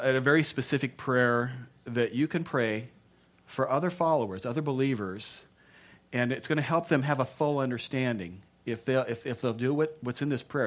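A man with a Texan accent preaching a sermon, joking and animated, with many restarts. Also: medium pitch. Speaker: pastor.

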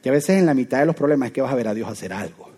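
A man preaching a sermon in a lively, conversational way, often asking his listeners rhetorical questions. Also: medium pitch, rapid-fire, breathy edge.

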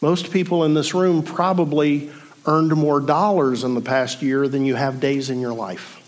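High-voiced man in his forties preaching. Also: steady tone, unhurried. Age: 40s. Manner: reflective, with dry self-deprecating humor. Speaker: pastor. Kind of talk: sermon. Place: room before a congregation.

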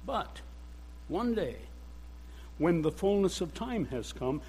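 An older man gives an earnest sermon in a church, pausing often in a measured way. His voice sits a little high and moves freely up and down as he preaches. A faint hum runs behind him. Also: sing-song, a little mellow, rough recording. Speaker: church speaker.

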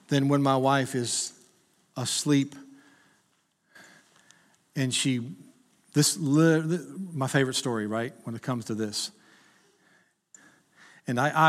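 A man's voice: medium pitch, big-room sound. A middle-aged male pastor preaching a sermon in a conversational, humorous way that rises to urgent appeals.

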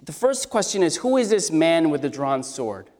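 Here a preacher gives an expository sermon in a slightly high, somewhat mellow, sing-song voice that is also scratchy, moving at a moderate pace. He chats with the congregation and quizzes them as he goes. The sound carries a long hall reverb.

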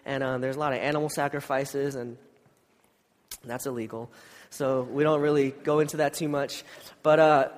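Male preacher, fairly high nasal voice, conversational and unpolished, recorded with a big hall's reverb. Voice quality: nasal, congested. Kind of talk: informal church sermon with scripture reading and prayer. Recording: long hall reverb.

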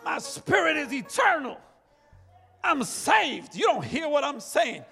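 A middle-aged man preaching a fervent sermon in a church, shouting and calling out hallelujah again and again. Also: very high-pitched, very animated, a little slow, gravelly. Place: church sanctuary. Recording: long church reverb with faint music.

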